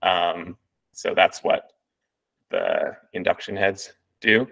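A man's voice: low voice, wildly swooping pitch, slow, creaky, a bit bright, low-quality recording. A man presenting a machine learning paper to a reading group, in a casual walkthrough with many ums and restarts.

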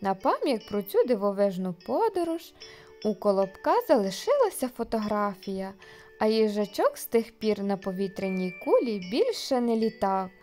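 A woman reading a children's audio storybook aloud in a lively, expressive way. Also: medium pitch, moderate pace, soft background music.

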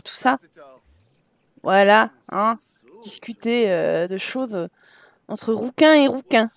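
Chatty high-voiced woman playing a game. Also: no room sound. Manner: chatty, teasing, talks to her game characters. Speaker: gaming YouTuber. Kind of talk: casual Let's Play commentary.

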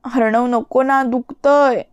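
A woman's voice: high-pitched, steady tone, slow, clean tone, muffled recording. A woman voicing a shy young woman who scares easily, speaking in a pleading, girlish way in an audiobook story. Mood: plaintive. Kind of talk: audiobook character reading.

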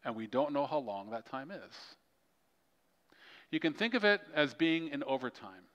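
A male pastor preaching a sermon with animated storytelling. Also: moderate pace, highs cut off. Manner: storytelling, animated swings in pitch and loudness. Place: large church hall. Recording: long church hall reverb.

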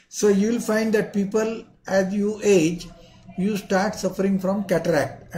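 An older man, a professor giving a slide lecture, reading out points in a halting way and repeating words. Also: high-pitched, darkish tone. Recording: clearly noisy background.

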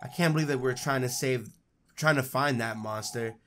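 A man reading the lines of a defeated, fed-up young male tamer, flat and resigned. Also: medium pitch, normal speed, a little hiss or hum, pitched below the performer's own voice, close to an everyday voice. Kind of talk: reading game dialogue aloud.

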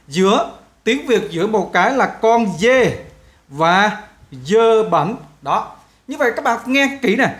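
A male English teacher, giving a pronunciation lesson and saying example words slowly, stretching the vowels. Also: sits high.

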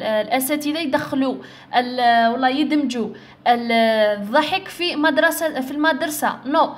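High-voiced Algerian woman tutoring English. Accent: Algerian Arabic. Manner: explains step by step, mixing in English and French, reads English slowly. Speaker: English teacher. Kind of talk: exam-prep tutorial.

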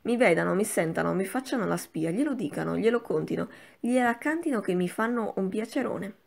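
A woman's voice: mid-range voice, expressive, brisk, gravelly. A woman voicing a proud, hot-tempered young nobleman who answers curtly and breaks into angry outbursts, for an audiobook. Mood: furious. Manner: curt, defiant, bursts into angry tirades.

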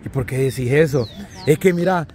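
A man's voice: medium pitch, normal speed, darkish tone, a little hiss or hum, pitched below the performer's own voice, natural voice. A man voicing a naive country man seeing a city for the first time, in simple country speech.

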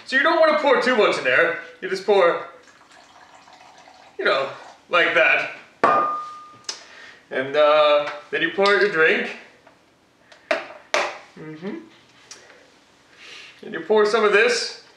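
A man's voice: high voice, very animated, slow pace, long pauses, background noise, heavily acted. A young man playing Batman as a boastful cooking show host, rambling with fillers in a home kitchen, picked up by a far camera. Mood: cocky. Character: Batman, grown male hero, cocky and boastful. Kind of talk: comic cooking demonstration. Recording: echoey kitchen, mic far off.

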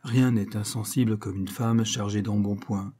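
Homme au timbre sombre et voilé. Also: male voice, lowish voice, fairly even intonation, mellow, husky. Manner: measured, storytelling. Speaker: audiobook reader. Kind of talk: literary audiobook narration.

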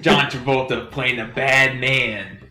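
A man chats through a movie review in quick, blunt, joking bursts. His voice is bright and forward. It carries a roomy echo with faint music behind it. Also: mid-range voice, fairly even intonation. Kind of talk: casual comedic movie review chat.

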